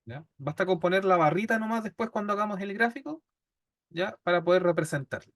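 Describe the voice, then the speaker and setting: A man's voice: high voice, a little fast, fairly bright tone, no echo, clean studio sound. A man with a Chilean accent teaching a statistics class, explaining step by step and often checking in with his students. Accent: Chilean Spanish. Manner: patient, checks in constantly with "¿ya?". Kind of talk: classroom lecture.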